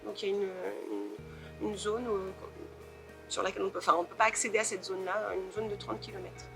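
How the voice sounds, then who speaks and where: A woman novelist answering interview questions in a thoughtful way, pausing often to search for her words. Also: medium pitch, fairly even intonation, vocal fry, loud music behind the voice.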